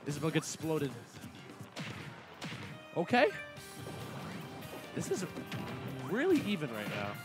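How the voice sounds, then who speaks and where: A man with a slightly high voice calls a video game match live, mixing quick tactical breakdowns with joking asides. Clear background music plays behind him throughout. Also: wildly swooping pitch. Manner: chatty analytical play-by-play with jokey asides. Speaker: esports commentator. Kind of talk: live esports commentary.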